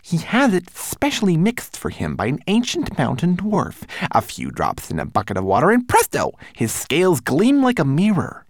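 A man's voice: fairly high pitch, wildly swooping pitch, normal speed, hardly any pauses, no room sound, clean studio sound, pitched above the performer's own voice, full character voice. A man voicing a small, fussy male homunculus who speaks in a prim, precise way.

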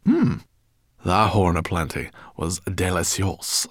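A man voicing a cheeky, sharp-tongued female forest brownie in an audiobook, blunt and breezy. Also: low voice, sing-song, slow pace, no echo, clean studio sound, exaggerated voice. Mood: satisfied.

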